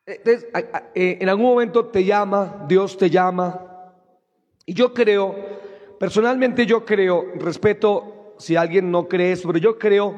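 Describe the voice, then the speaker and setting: Colombian pastor with a high voice. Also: male voice, long reverb tail, highs cut off. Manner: lively, humorous, rising to shouts. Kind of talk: sermon.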